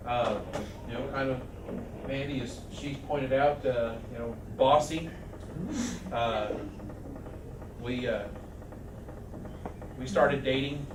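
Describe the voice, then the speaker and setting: A man speaking at a memorial, halting with many restarts and fillers. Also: mid-range voice. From Arizona. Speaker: eulogy speaker. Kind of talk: memorial speech. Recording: echoey hall from far off, noisy.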